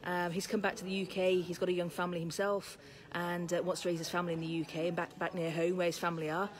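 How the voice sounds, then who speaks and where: Middle-aged lady hosting a tour, chatty and quick, keeps saying yeah to back people up. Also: fairly low pitch, little pitch movement. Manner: friendly, encouraging, affirms with quick yeahs. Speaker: college staff host and interviewer. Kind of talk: casual interview on a guided tour.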